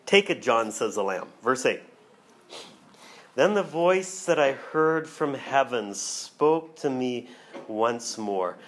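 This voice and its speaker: Expressive male pastor preaching. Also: medium pitch, a little hiss or hum. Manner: expressive, dramatic reading of scripture with slow emphatic phrasing. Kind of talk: sermon. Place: church hall.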